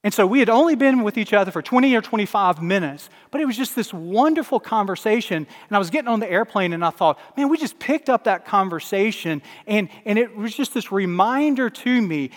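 High-voiced preacher in a reverberant hall. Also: male voice, lively intonation, brisk, hardly any pauses. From Alabama. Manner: emphatic preaching with swells and drops in volume. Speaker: pastor. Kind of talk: sermon.

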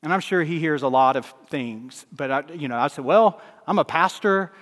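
A man's voice: a little high, expressive, normal speed, a bit bright, in a large hall. A man from Alabama, a pastor, preaching a sermon with emphatic swells and drops in volume.

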